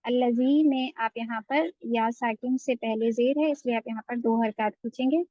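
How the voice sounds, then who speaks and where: High-voiced woman teaching Quran recitation. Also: normal speed, no room sound, dull audio. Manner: patient, explanatory, draws out recited words. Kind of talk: online tajweed lesson.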